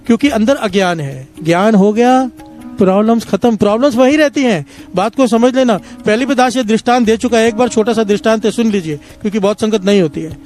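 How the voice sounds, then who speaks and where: High voiced guy preaching, telling little stories and getting the crowd to chant back, faint music underneath. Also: fairly quick, darkish tone. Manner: tells parables and repeatedly leads the congregation in a call-and-response chant. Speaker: satsang preacher. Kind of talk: devotional sermon with parable.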